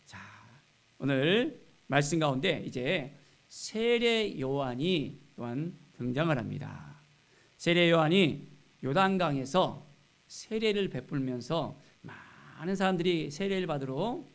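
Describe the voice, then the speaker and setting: Male pastor, high-pitched voice, emphatic sermon style with rhetorical questions. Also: sing-song, vocal fry. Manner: reads scripture aloud slowly with emphasis. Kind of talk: expository sermon on scripture.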